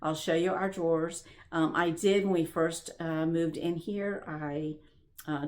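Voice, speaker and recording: A woman chatting casually in a home vlog, full of fillers and encouragement, a little winded. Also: sits low. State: slightly winded. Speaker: vlogger. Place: home bedroom, indoors.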